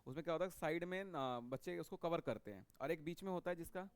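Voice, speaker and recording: A man's voice: on the high side, fast, clean tone, no room sound. A man teaching a biology lecture in a classroom style. He repeats key points and keeps checking that students follow him. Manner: repetitive, checks understanding with frequent "okay".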